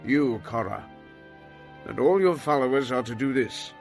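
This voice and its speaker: A man's voice: mid-range voice, expressive, normal speed, vocal fry. An actor playing a stern, commanding male prophet leader in a dramatized scripture reading, with faint music behind. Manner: forceful, pleading at times.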